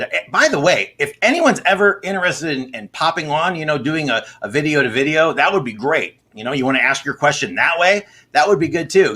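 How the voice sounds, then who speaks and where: Guy hosting a live meditation stream, bright forceful voice, chatty then slow and soft when guiding. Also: medium pitch.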